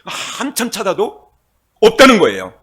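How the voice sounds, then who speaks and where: Husky pastor guy preaching, voice jumps all over, tells a story. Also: high voice, normal speed. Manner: animated storytelling, addressing congregation. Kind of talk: sermon.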